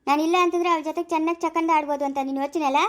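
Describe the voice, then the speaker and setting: A tearful, sharp-tongued young wife, voiced by a woman in a homemade family drama. Her voice rides high and plaintive, and her words tumble out fast. Her lines lean bitter and accusing. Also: steady tone. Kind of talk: amateur family drama acting.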